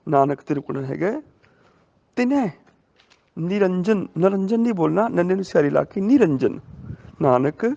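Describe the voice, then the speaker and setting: A man with a Punjabi accent who teaches the correct pronunciation of scripture, chanting each verse slowly and then explaining it. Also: high voice, expressive, gravelly, dark tone, dull audio. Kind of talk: slow recitation and correction of scripture.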